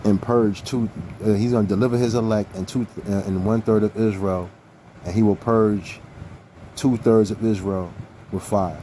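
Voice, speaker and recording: Low, mellow-voiced man preaching. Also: steady tone, moderate pace, a little hiss or hum. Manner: earnest, emphatic, repeats key phrases. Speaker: scripture teacher. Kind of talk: sermon-style scripture teaching.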